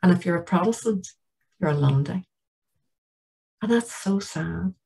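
A woman's voice: lowish voice, a little slow, vocal fry, dark tone, husky, poor audio. A middle-aged woman with a Northern Irish accent giving an earnest, plain-spoken lecture with slides in a church. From Northern Ireland. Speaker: guest lecturer.

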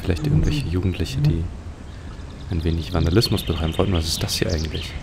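Very animated and quick, this deep-voiced man narrates a video game in a casual let's play, thinking aloud as he describes the action. The home recording is clearly noisy.

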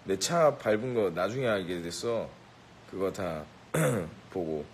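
A man's voice: low-pitched, lively intonation, slow, a little hiss or hum, poor audio. A man bantering with a live audience in a brash, boastful, mock-bossy way, teasing and giving orders as a joke. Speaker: rapper addressing a live audience.

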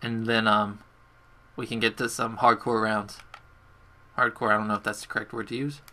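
A young man livestreams from his bedroom, casually commenting on his gameplay and chatting self-deprecatingly with viewers. His voice sits on the low side, with a sharp tone, flat delivery and moderate pace.

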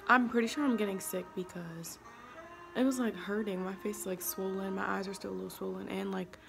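A woman's voice: medium pitch, steady tone, brisk, creaky. A woman in her twenties chatting casually in a vlog, full of fillers like "um" and "like". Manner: chatty, filler-heavy, drops to a whisper on set. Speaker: vlogger and producer. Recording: music playing underneath.

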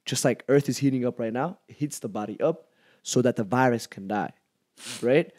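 Animated young man, dry close sound. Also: mid-range voice, normal speed, dry recording. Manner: animated storytelling, laughs often. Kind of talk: casual podcast chat.

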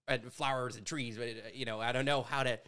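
A man in his thirties from Canada, talking through ideas in a casual conversation at a studio boom mic, animated and gesturing as he tells stories. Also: quick pace, clear, resonant tone. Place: studio with brick walls. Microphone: studio mic on boom arm.

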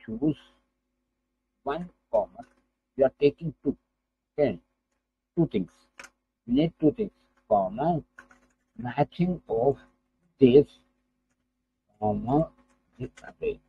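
A man with an Indian accent teaching a software tutorial, dictating steps aloud piece by piece and repeating himself. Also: lively intonation, takes it slowly, pauses often, breathy edge. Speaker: spreadsheet tutorial instructor. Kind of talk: screen-recorded software tutorial. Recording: muffled, low-fi, phone-like microphone sound.

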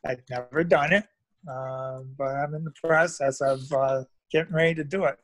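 This meetup guest is an older retiree who loves model railroading, and he rambles casually about it, frequently trailing into filler. His fairly high voice holds a steady tone at normal pace, sounding slightly bright and dry through a phone at arm's length on a video call.

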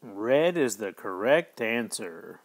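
A man's voice: fairly low pitch, sing-song, takes it slowly, a little hiss or hum. A man hosting a school quiz segment, speaking in a playful quiz-host manner as he narrates questions and answers. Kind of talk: scripted narration.

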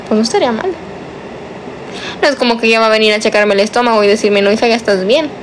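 Holding her phone close in selfie framing, a nineteen-year-old woman livestreams from a small bedroom at night, chatting, teasing, and reading viewer comments aloud. Her voice runs a little high, and she draws out some of her words. The recording is rough, with a faint air-conditioner hum underneath.

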